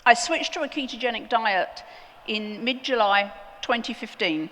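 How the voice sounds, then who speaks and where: Woman, slightly high voice, unhurried conference talk, earnest and emphatic, echoing hall. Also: a bit bright, a little hiss or hum. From outside the United States. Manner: earnest, emphatic with deliberate pauses. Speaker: conference speaker. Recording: long hall reverb.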